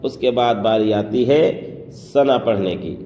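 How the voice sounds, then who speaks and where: A man teaching how to pronounce prayer phrases, explaining quickly and then reciting each phrase slowly and drawn out. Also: fairly low pitch, dark tone. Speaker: religious teacher. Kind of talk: pronunciation lesson on prayer phrases. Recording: echoey room, faint background noise.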